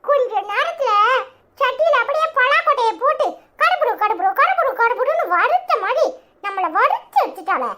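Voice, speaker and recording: A performer puts on a cocky young village man in a cartoon comedy, speaking with a Tirunelveli Tamil accent. His voice is pushed very high and swoops all over as he jeers and dares the other side. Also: expressive, normal speed, background noise. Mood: taunting. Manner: taunting, jeering.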